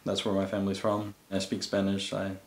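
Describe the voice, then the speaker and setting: A man reflects in a documentary interview. His voice is low and flat in tone. The room around him echoes. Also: a little fast, slight background noise.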